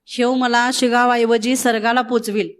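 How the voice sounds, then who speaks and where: A woman's voice: on the high side, level tone, moderate pace, clean tone, lightly acted. A woman reading the part of a frightened informer who speaks through tears. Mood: crying. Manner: crying, pleading. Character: frightened crying government informer man.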